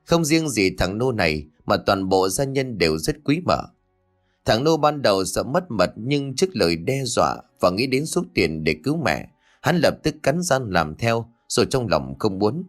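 A man narrating a ghost story in an expressive storytelling manner. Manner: expressive storytelling with lively pitch.

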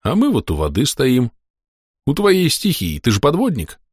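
A man's voice: medium pitch, wildly swooping pitch, normal speed, slightly rough, no room sound, clean studio sound, pitched above the performer's own voice. A man voicing a big good-natured soldier. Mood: eager. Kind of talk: audiobook character voice.

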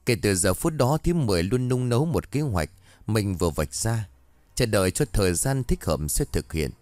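A man reading a ghost story in a dramatic, expressive way. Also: fairly low pitch, normal speed, dry recording. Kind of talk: scripted ghost-story narration.

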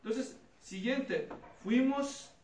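Pastor guy, highish voice, asks the church questions, roomy hall recording w/ background noise. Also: lively intonation, takes it slowly, a little mellow. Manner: asks the congregation questions and repeats answers; acts out voices in his stories. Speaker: pastor teaching a Bible study. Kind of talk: expository sermon with anecdotes. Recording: echoey room, mic at a distance, noisy.

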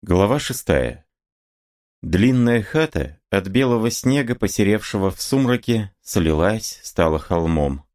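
A man reading a historical novel aloud as narrator, measured and expressive. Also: on the low side. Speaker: audiobook reader. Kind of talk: literary narration.

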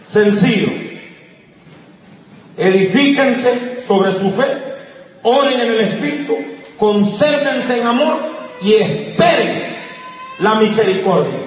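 A man, a pastor, preaching a fiery sermon to his congregation, calling out questions to the crowd and rising to shouts. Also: high-pitched, expressive, slow, long pauses. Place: church service with congregation. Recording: echoey hall, distant mic, crowd noise.

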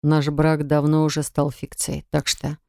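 A woman reading first-person audiobook narration in a measured, even way. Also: sits low, clean tone, dry recording, studio quality.

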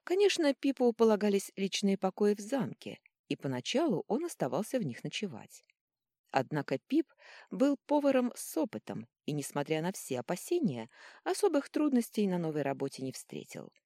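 A woman giving expressive scripted narration of an audiobook. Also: medium pitch, normal speed, dry recording, clean studio sound. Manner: expressive, storytelling.

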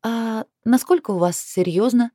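A woman voicing a feisty, sharp-tongued young heroine who speaks sarcastically. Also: on the high side, moderate pace, no echo, studio quality, pitched above the performer's own voice, close to an everyday voice. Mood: playful. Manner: sarcastic, emphatic.

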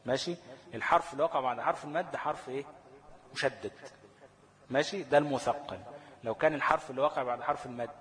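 A man's voice: mid-range voice, long reverb tail. A man with an Egyptian accent teaching a Quran recitation lesson, asking questions and answering them himself. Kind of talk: Tajweed lesson in colloquial Arabic.

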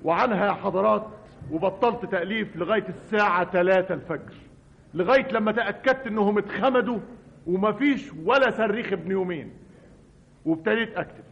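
A man's voice: high voice, fast talker, creaky, fairly bright tone, muffled recording. A man with an Egyptian accent narrating a radio comedy monologue as a frustrated writer, in a mock-formal, exasperated manner. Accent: Egyptian Arabic.

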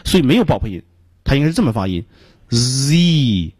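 A middle-aged man with a Beijing Mandarin accent gives a radio pronunciation lesson, explaining slowly and repeating each sound he demonstrates. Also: medium pitch, big pitch swings, a little mellow, breathy edge, no room sound. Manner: frequent filler particles between phrases. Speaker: English pronunciation teacher.

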